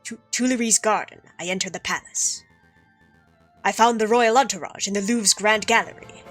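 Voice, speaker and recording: Courtly young prince with a put-on Spanish accent, read by a woman, bright and crisp, faint game music under. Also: medium pitch, normal speed, lightly acted. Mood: storytelling. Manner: formal, flowery, gracious. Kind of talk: reading game dialogue aloud.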